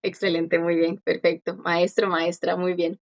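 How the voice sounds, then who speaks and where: A woman teaching a language class online, patiently explaining and slowly repeating words for her students. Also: fairly low pitch, little pitch movement, highs cut off.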